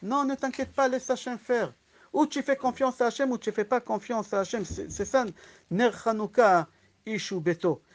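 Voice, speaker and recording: A man with a slight lisp giving a Torah lesson as a rabbi, animated, asking rhetorical questions and acting out the people in his stories. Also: very high-pitched, normal speed.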